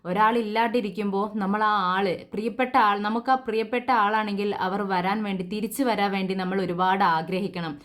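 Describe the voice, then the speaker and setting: A gentle young woman, a devoted older sister in a homespun serial retelling, read by a woman narrator. She speaks softly and tenderly, comforting and reassuring. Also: mid-range voice, steady tone, fairly quick, hardly any pauses, natural voice.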